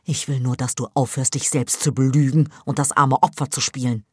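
A woman's voice: very deep voice, steady tone, a little fast, breathy edge, no echo, clean studio sound. A woman voicing a blunt grown daughter. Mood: firm. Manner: firm and matter-of-fact.

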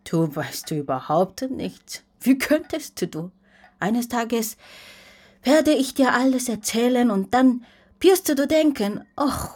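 A woman's voice: a little high, darkish tone. An actress voicing an aging grandmother who broods about dying and talks in a reproachful, self-pitying way in a dubbed drama. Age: older.

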